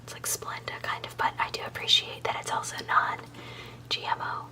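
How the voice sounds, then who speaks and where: A woman's voice: moderate pace, recorded from a distance. Whispering woman giving an ASMR recipe. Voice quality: soft unvoiced whisper. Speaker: video host.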